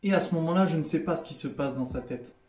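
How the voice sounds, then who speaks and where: Quick-paced and on the high side, a young adult male vlogger from France performs a comic monologue with sarcastic, mock-indignant flair. Faint music plays in the background of an echoey room.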